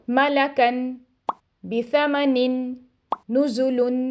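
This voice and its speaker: A woman with an Urdu accent teaching a recitation lesson in a calm, measured way, sounding out syllables slowly and clearly. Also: a little high. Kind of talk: scripted tajweed lesson.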